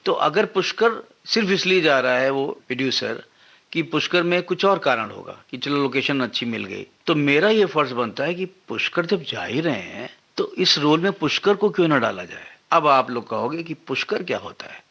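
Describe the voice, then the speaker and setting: A man's voice: on the high side, sing-song, moderate pace, vocal fry, pushed and bright, husky. A male film actor, a guest on a radio interview, explaining his craft at length and acting out snatches of dialect.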